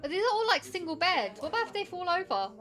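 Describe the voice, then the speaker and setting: A woman's voice: very high voice, big pitch swings, quick pace, fairly bright tone, faint music behind. A woman streaming, chatting and reacting casually to a show. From Britain. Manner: chatty, exclaiming.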